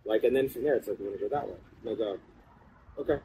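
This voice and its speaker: This podcast speaker has a fairly low, mellow voice and fires off his words rapidly. He's chilled in an ice bath, chatting in a loose, rambling way, with an obvious background hum on the recording.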